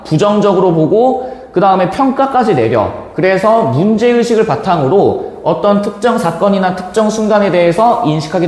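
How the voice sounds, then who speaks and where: A young male lecturer tells a story to his class in a lively, slangy way, his fairly high voice swinging widely in pitch. The classroom is echoey with a long reverb tail, and faint room noise sits underneath. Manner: animated, slangy, acts out quoted voices. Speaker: Korean literature lecturer.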